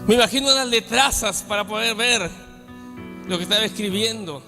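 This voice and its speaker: A man from Peru preaching a sermon as pastor, with dramatic swings from soft asides to shouting. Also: sits high, normal speed, creaky. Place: church hall. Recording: long church hall reverb with faint music.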